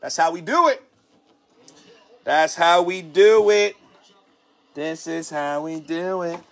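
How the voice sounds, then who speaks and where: A man's voice: fairly high pitch, expressive, fairly bright tone. Hyped man calling out a card break. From United States. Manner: hyped, repetitive catchphrases, rapid card call-outs. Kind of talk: live card break commentary.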